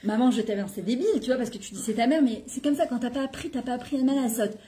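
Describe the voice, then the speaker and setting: A middle-aged woman who weaves into her talk. She tells personal stories in a lively way and acts out the dialogue. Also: a little high, quick pace, slight background noise. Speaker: guest speaker on women's talk show. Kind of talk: animated personal storytelling.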